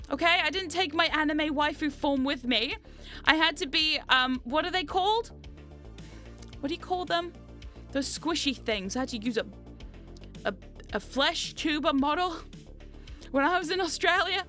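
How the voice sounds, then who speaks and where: A woman livestreamer with a very high-pitched voice chats casually to her viewers, excitable and playfully dramatic. She is jet lagged with a mild sore throat, yet sounds bright and forward as she rambles over faint music. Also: moderate pace, pauses often. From New Zealand. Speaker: VTuber streamer and host.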